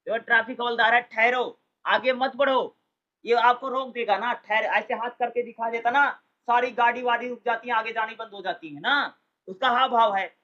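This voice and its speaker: Man, teacher, exam-prep lecture, bright sharp voice, rhetorical questions, dull lo-fi sound. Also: very high-pitched. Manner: keeps asking rhetorical questions and answering them; calls listeners "brother", colloquial.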